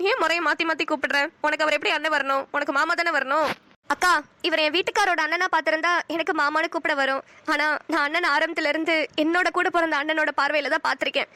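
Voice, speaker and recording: A woman's voice: high voice, bright, forceful tone, no echo. A woman voicing a grateful, emotional married woman in a cartoon, speaking earnestly. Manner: earnest, heartfelt. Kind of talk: cartoon voice acting.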